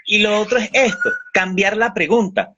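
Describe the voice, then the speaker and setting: Give me a man with a bright, forceful voice preaching motivation. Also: high-pitched, fairly even intonation, normal speed, muffled recording. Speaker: guest speaker. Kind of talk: motivational talk.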